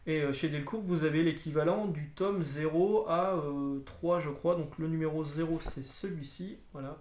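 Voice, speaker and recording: A man talks through a comic book review in a loose, rambling way, full of fillers and restarts. His voice sits a little high, and the room around him gives a clear echo. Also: normal speed, a little mellow. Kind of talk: casual video review.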